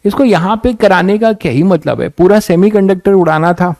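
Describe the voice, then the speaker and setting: A young man with a fairly high voice lectures physics students and keeps firing rhetorical questions at them, plainly frustrated. The sound is dry and close, with no room around it. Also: moderate pace, darkish tone, dry recording. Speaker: physics teacher. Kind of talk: lecture with a rant.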